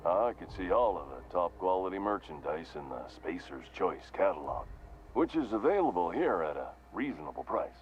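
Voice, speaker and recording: A man with a deep voice acts as a corporate shop vendor wearing a mascot helmet in a video game. At a moderate, sing-song pace he pushes forced salesman cheer and slogans, slipping into weary resignation, and the audio is dull.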